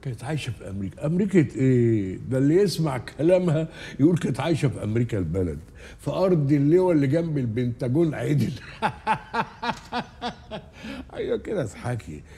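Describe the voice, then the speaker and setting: A man's voice: fairly high pitch, very animated, fast talker, dark tone. An actor playing a scheming uncle, coaxing his niece in a sweet-talking Egyptian voice and repeating himself.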